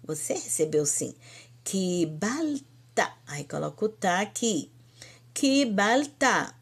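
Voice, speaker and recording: A woman's voice: low voice, vocal fry, husky. A woman with a Brazilian Portuguese accent teaching an online Hebrew lesson, explaining patiently and drawing out each example word. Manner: slow, patient explaining, drawn-out example words, frequent "então".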